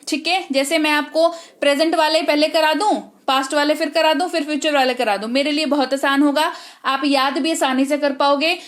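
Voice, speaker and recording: High-voiced Indian woman teaching English. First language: Hindi. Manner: brisk, drills terms, checks with "ठीक है?". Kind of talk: online lesson.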